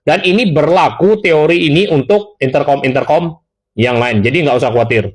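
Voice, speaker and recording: Husky and on the high side, this man talks at a normal speed while demonstrating intercoms for sale. He chats casually with viewers, addressing them directly and correcting himself throughout.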